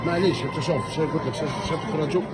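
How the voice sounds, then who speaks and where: A man's voice: on the high side, fairly even intonation, very fast, low-quality recording. A man with an Algerian Arabic accent interviewing live in the street, consoling and repeating himself. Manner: consoling, repetitive. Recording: loud crowd and music, outdoor street.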